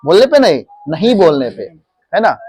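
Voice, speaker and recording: A man teaches a class, repeating each key word and firing quick questions at the students. The sound is dry, with no room echo. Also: high-pitched, sing-song, a little mellow, slightly rough. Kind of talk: classroom English lesson.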